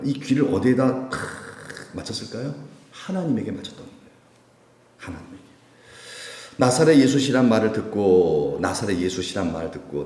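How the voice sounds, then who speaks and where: Man preaching in an echoey church. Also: medium pitch. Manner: lively, asks the congregation questions. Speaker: pastor. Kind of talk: sermon. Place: church sanctuary. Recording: echoey church hall, distant mic.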